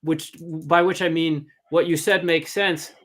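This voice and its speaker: A man's voice: fairly high pitch, little pitch movement, a little slow. A man giving informal, blunt and emphatic advice as an angel investor coaching a founder, often checking in with "right?".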